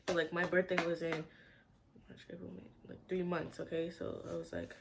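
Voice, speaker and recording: A woman's voice: lowish voice, flat delivery, moderate pace, gravelly, a little hiss or hum. A young woman vlogger telling a personal story in her bedroom, rambling and saying "like" constantly. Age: young adult. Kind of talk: casual storytime vlog. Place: bedroom at home.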